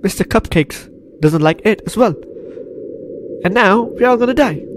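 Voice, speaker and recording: Over a noisy background, a flu-ridden gaming YouTuber with a high, animated voice speaks at a moderate pace in his let's play. His commentary is jokey and repetitive, reading out game text and bantering with characters.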